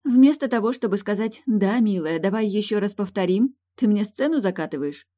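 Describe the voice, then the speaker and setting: A woman's voice: medium pitch, lively intonation, moderate pace, warm tone, pitched above the performer's own voice, lightly acted. A woman reading an audiobook voices a headstrong young princess in love, eager and insistent. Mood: angry.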